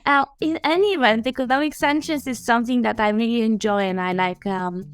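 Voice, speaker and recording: Woman in her 30s, chatty and lively, kinda high voice, laughs a lot, video call. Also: fairly quick, smooth, dry recording. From Bulgaria. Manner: animated and chatty, laughs often. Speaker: guest, sanctions compliance specialist. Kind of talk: interview answers.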